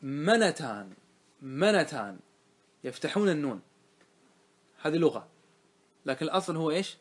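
A man's voice: fairly high pitch, animated, fast. Man quizzing his grammar class. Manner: quizzing students with repeated questions. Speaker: teacher of Arabic grammar. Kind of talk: classroom lesson.

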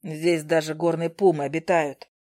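A woman voicing a young male demon who narrates in a low, quiet, reflective voice. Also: level tone, moderate pace, dry recording, clean studio sound, natural voice. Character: brooding male demon, protective young man. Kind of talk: first-person audiobook narration.

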